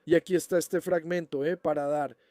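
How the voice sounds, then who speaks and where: A man's voice: fairly high pitch, fairly even intonation, normal speed, mellow, no echo, soft background music. A man hosting a fan channel, casually answering viewer questions and checking in with the listener as he explains. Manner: chatty, keeps checking in with the listener.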